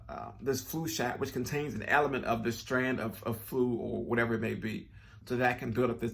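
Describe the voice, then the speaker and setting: Addressing his viewers in a loose, earnest way, this vlogger keeps restarting his sentences and sounds somewhat stuffed up and nasal. His voice is medium in pitch, creaky, and a bit bright.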